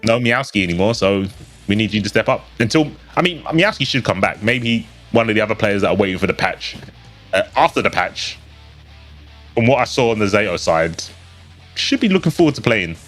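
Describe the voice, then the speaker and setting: A man's voice: on the low side, animated, brisk, fairly bright tone, faint music behind. A man co-commentating a live fighting game with playful, joking banter. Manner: playful banter, loose and laughing. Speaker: esports co-commentator.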